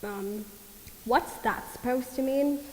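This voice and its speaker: Sardonic young woman, played by an actress, slightly high voice, long theatre reverb. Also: takes it slowly, a little mellow. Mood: wry. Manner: dry, sardonic. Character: wry young woman waiting to meet Death. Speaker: stage actor. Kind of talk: stage musical dialogue. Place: theatre stage at dress rehearsal.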